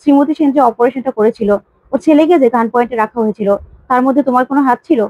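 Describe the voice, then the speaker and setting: A woman's voice: high-pitched, racing, dry recording, phone-quality sound. Woman voicing grieving stern father. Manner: dramatic, demanding, lamenting.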